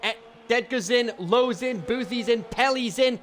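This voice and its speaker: A British man commentates live on motor racing in a strikingly high voice. He is excitable and exclamatory, often repeating a phrase in astonishment to drive it home. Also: measured pace.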